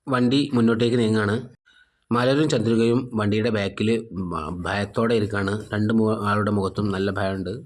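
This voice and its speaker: A man casually retelling a TV serial episode, relating each character's lines in his own plain storytelling voice. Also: on the low side. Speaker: narrator recapping a TV serial episode. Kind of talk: casual spoken plot recap.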